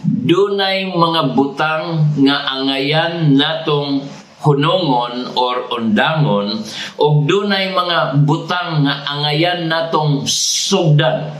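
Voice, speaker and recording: A Cebuano-accented pastor delivers a sermon in a church sanctuary, going over every point twice on purpose and having the congregation echo phrases back to him. He sounds a little high and fairly bright, captured in a roomy, rough recording.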